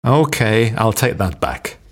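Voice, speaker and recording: This phrase reader has a fairly low, sing-song voice and takes his time. He works through short everyday sentences for learners one by one, acting out how each should sound.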